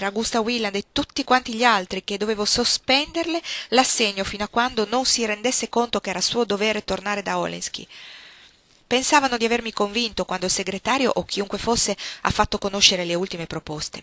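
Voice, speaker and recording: A woman's voice: mid-range voice, a bit bright, no echo, close to an everyday voice. A woman voicing a shrewd, imperious old grandmother who is bedridden, speaking in an insistent, sly and coaxing way in an audiobook.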